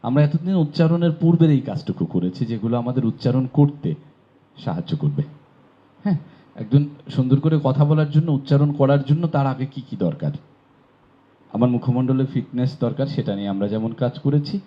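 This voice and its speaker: A man's voice: mid-range voice, animated, brisk. Man from bangladesh giving a pronunciation lesson, voice rises and falls a lot, muffled recording. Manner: explains patiently, repeats and asks rhetorical questions. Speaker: Bengali pronunciation teacher. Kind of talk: classroom lecture. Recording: dull lo-fi recording.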